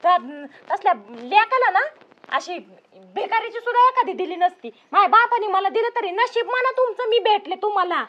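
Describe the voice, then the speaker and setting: An actress in a village family drama plays a cruel, greedy young daughter-in-law who scolds, nags and insults her mother-in-law. Her voice is animated and shrill at a normal pace, and the recording sounds muffled.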